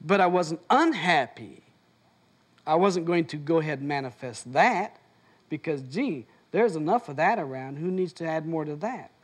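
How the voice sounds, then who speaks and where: A man with a higher-pitched, lively voice leads a motivational seminar before an audience in a seminar room. Speaking at a moderate pace, he tells stories and plays out both sides of each conversation.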